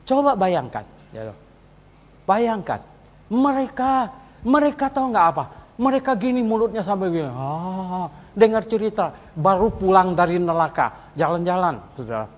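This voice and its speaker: Male pastor, higher than usual voice, animated sermon delivery full of rhetorical questions, church reverb. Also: normal speed. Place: church hall.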